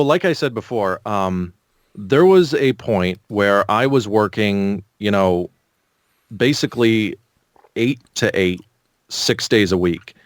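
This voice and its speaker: A man answers interview questions casually in a lowish, clean and resonant voice. He explains things very unhurriedly, pausing to think aloud as he goes. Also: dry recording, clean studio sound. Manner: measured, thinking aloud with pauses. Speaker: interview guest.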